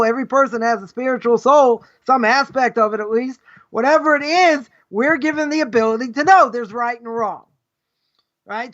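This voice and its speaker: Through a dull lo-fi livestream, a middle-aged rabbi teaches ethics in a live Torah lesson that wanders conversationally. His very high voice sounds pushed and bright, and he peppers the talk with rhetorical questions, ending almost every point with "right?".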